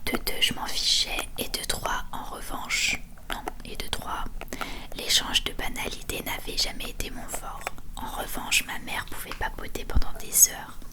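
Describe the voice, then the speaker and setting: A woman doing a whispered ASMR book reading in a soft, hushed library whisper, close to the microphone, sometimes correcting herself. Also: a little slow. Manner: hushed storytelling with self-corrections. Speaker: ASMR host reading a novel aloud.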